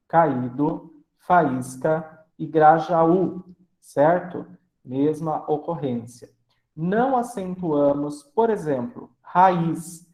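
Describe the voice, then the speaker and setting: A man teaching a grammar lesson, explaining slowly and splitting words into syllables, often checking in with the class. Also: on the high side, dark tone, reverberant. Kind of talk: grammar lecture.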